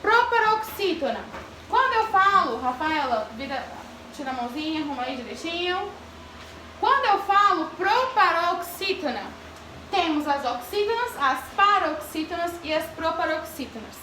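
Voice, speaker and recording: A woman's voice: very high-pitched, sing-song, normal speed, pushed and bright, slight background noise. A woman teacher giving a grammar lesson to children, asking the class questions and calling on pupils by name. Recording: echoey classroom from far off.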